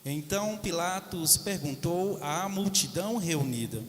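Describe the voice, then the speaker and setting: A man narrating the Passion Gospel in church, reading slowly and steadily. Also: fairly high pitch, animated. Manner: slow, measured reading. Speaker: reader of the Passion. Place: large cathedral. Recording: echoey cathedral hall.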